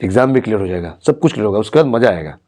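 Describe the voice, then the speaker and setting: A man's voice: lowish voice, animated, rapid-fire, a little mellow. Male teacher, encouraging, motivational, asks checking questions. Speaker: teacher and counselor. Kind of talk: motivational talk to a student.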